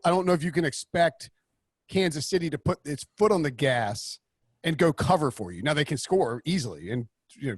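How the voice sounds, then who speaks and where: Animated man talking football bets. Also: fairly high pitch, no echo, studio quality. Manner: animated, rambling with restarts. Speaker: podcast host. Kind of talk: casual sports betting talk.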